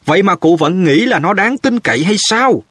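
A man voicing a stubborn, indignant middle-aged male minister who blusters in a raised, husky voice. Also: high-pitched, animated, moderate pace, fairly bright tone, no room sound, studio quality, pitched above the performer's own voice, heavily acted. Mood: pleading.

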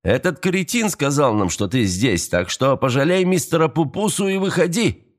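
Villain for an audiobook: a cruel, mocking young gang thug, read by a male narrator, pitched high above the narration and sneering. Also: expressive, moderate pace, close to an everyday voice. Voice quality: sneering, taunting.

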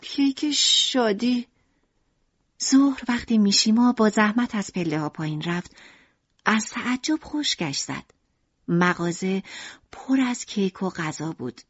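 A woman narrating an audiobook in an expressive storytelling manner. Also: mid-range voice, slightly rough. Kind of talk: scripted narration. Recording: dull lo-fi audiobook recording.

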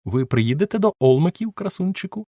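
A man's voice: high-pitched, big pitch swings, a little fast, mellow, dry recording, clean studio sound, voice pushed up, exaggerated voice. A man voicing a gushing, fussy society duchess who coaxes and coos. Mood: coaxing.

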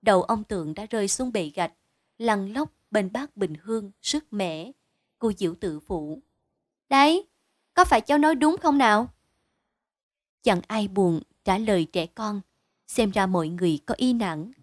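A woman narrates a short story in a steady, measured way. Her voice sits at an ordinary middle pitch. The recording is dry and close, with no room sound around it. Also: dry recording. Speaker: audiobook narrator.

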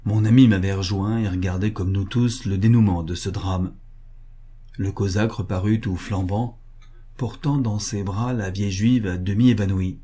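In a husky, lowish voice, a male audiobook narrator reads a literary short story from a script. He keeps his storytelling steady and measured.

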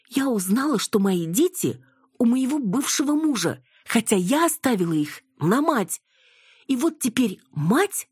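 A woman's voice: on the high side, darkish tone, husky, no room sound, studio quality, voice pushed up, exaggerated voice. Exasperated young daughter, read by a woman.

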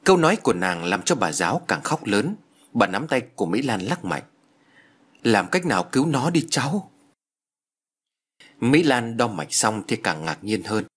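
A man narrating an audio story in an expressive, dramatic way. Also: lowish voice, moderate pace, slightly rough.

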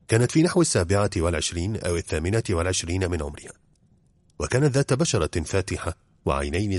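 Deep, husky male narrator. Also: dry recording. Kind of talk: audiobook narration.

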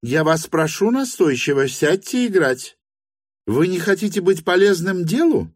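A man's voice: sing-song, a little slow, no echo, clean studio sound, full character voice. A man reading an audiobook, voicing a bossy, suspicious middle-aged hostess who insists and commands. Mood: commanding. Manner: commanding, shrill and indignant.

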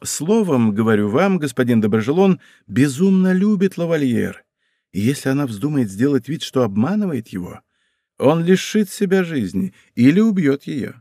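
A man's voice: mid-range voice, big pitch swings, normal speed, mellow, no echo, studio quality. A man doing a sly scheming young courtier. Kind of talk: audiobook character voice.

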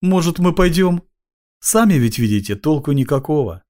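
A man's voice: on the high side, expressive, moderate pace, a little mellow, pitched above the performer's own voice, close to an everyday voice. A man voicing a frightened, stammering young male police officer. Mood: scared.

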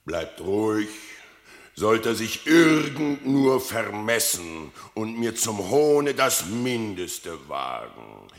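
An actor playing a proud, boastful bear who serves as royal messenger, declaiming pompously in a classic radio play. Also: male voice, fairly low pitch, big pitch swings, very slow, long reverb tail, heavily acted. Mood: proud, defiant.

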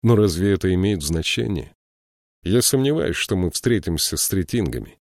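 A man reading the lines of a weary, haunted prince in a slow, grave way. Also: deep voice, animated, a little mellow, no room sound, clean studio sound. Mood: exasperated.

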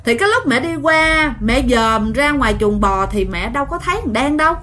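A woman tells a ghost story as if chatting with friends, speaking to her listeners directly. Her voice sits high and swings widely up and down as she narrates. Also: lively intonation, normal speed, fairly bright tone, slight background noise. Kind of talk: casual ghost story telling.

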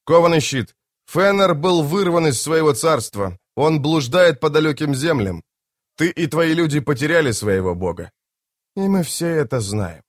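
An earnest soldier captain, as a man reading an audiobook plays him. He declaims formally with lively swings of pitch. The recording is dry. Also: normal speed, dry recording. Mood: declaring. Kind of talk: audiobook character voice.

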